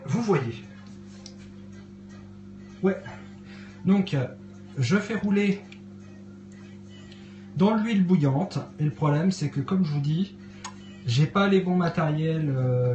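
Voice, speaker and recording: A man's voice: a little high, slow, pauses often, warm tone, lo-fi sound, faint music behind. A man hosting a casual cooking live stream in his cluttered kitchen at home, hesitating often with fillers as he chats with viewers. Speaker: livestream host cooking. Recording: echoey home room.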